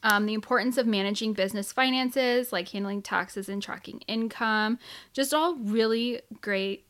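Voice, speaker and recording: A woman's voice: on the high side, moderate pace, fairly bright tone. A woman hosting a casual podcast, chatty and enthusiastic, peppering her talk with filler "like". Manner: chatty, enthusiastic, heavy use of "like". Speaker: podcast host.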